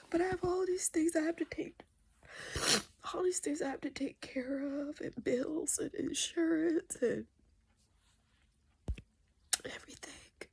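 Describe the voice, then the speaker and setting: A middle-aged woman pours out her grief in a hushed, halting near-whisper, sniffling through tears. Her voice sits high, with a gravelly fry at the edges. She talks slowly and pauses often. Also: dry recording. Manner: soft, mostly whispered, halting delivery. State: tearful and sniffling. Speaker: vlogger venting. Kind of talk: tearful personal vent monologue.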